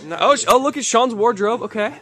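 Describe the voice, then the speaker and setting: A young adult man with a very high voice talks fast and casually, joking as he films a handheld vlog tour of a house basement and a snowy street at night. His narration is chatty and enthusiastic, picked up by the camera held at arm's length.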